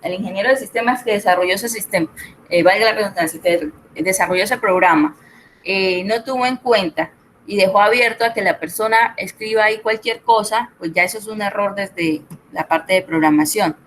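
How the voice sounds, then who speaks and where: A middle-aged woman teaches a spreadsheet class online. She explains patiently step by step and keeps checking that her students follow, at a medium pitch. A faint noise sits under the recording. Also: a little fast, fairly bright tone, low-quality recording. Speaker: Excel tutor.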